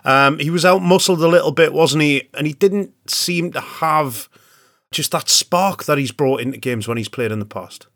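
A man's voice: a little high, normal speed, a bit bright, no echo, studio quality. A man hosting a football podcast, steering casual chat with tag questions. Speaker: podcast host.

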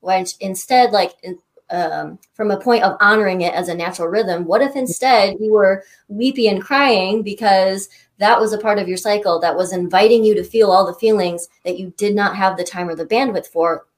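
A woman guest coach answering interview questions thoughtfully, pausing with frequent ums. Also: mid-range voice. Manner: thoughtful, searching for words, with many ums.

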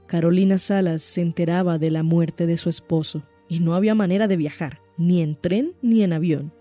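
A narrator reading a scripted news report in a measured, even way. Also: medium pitch.

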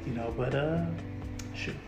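A young man, a local car photographer, hosts a casual car podcast, chatting in easy slang, repeating words and laughing a lot. His medium-pitched voice is unhurried. The sound is reverberant, with music playing behind him.

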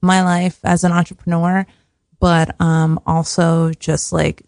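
A soft-spoken woman guest chats casually in a fairly low voice with plenty of vocal fry. She feels her way through her thoughts a bit self-consciously, and the sound is close and dry. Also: little pitch movement, slow, no room sound. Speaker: podcast guest. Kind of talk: casual conversational interview.

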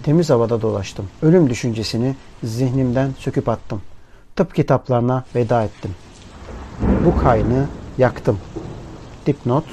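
A man tells a dark first-person tale in a steady, serious reading voice. His pitch sits in an ordinary middle range. Steady rain and rolling thunder play clearly beneath his words. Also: a little hiss or hum. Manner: measured, grave first-person storytelling. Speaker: audiobook narrator. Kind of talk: scripted literary narration. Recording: rain and thunder ambience under voice. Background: rain and thunderstorm sound bed.

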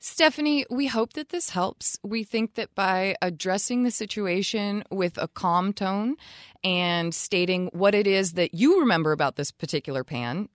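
A woman co-hosts an advice show in a loose, chatty way, cracking jokes at her own expense and laughing often. Her voice sits at a middle pitch. The sound is dry and close. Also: dry recording. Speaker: advice podcast co-host. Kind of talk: casual advice chat. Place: Vermont.

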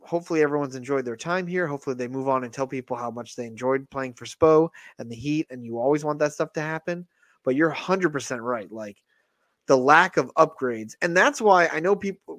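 Guy joking around about players on a podcast, kinda high voice, dead dry mic. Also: a little fast, a bit bright, no room sound. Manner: rambling, jokey. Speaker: podcast co-host. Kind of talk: casual sports podcast chat.

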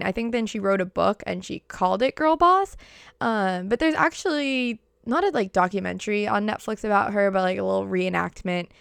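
A woman's voice: medium pitch, creaky, clear, resonant tone, dry recording, studio quality. A young woman with a Boston accent hosting a podcast, talking casually in an informal, chatty, peppy manner. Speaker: podcast host. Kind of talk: casual solo podcast talk.

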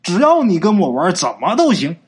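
A man voicing a huge, dim-witted male coffin spirit who pesters people to wrestle, in a booming, drawn-out voice. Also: wildly swooping pitch, breathy edge, full character voice. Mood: boisterous.

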